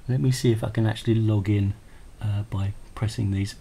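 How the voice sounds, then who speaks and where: A man's low, steady, slightly fast and creaky voice carries an unrehearsed hardware prototype demo in which he hesitates and reasons aloud. The recording, made with a handheld camera microphone, is noisy and clicky.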